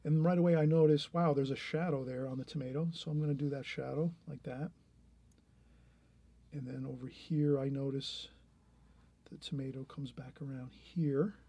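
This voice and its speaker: Middle-aged guy walking you thru a painting, kinda husky, mellow, chatty and encouraging. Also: mid-range voice, steady tone, moderate pace. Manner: encouraging, rambling, many restarts. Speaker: art teacher. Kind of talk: painting tutorial, thinking aloud while drawing.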